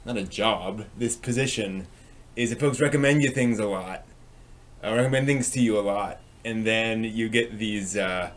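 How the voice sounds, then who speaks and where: A man with a somewhat low voice hosts a live stream in a casual, chatty manner, his delivery halting and hesitant and often trailing off.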